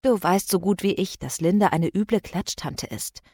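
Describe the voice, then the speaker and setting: A woman's voice: lowish voice, expressive, normal speed, darkish tone, husky, no echo. A woman reading an audiobook, voicing a worried, insistent female friend who calls out urgently. She speaks into a close studio microphone.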